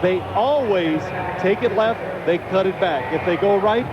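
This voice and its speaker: A man's voice: sits high, moderate pace, very noisy. A man giving informal, conversational color commentary on a live football game, often repeating himself for emphasis. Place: stadium broadcast booth. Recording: dull broadcast audio, very loud stadium crowd.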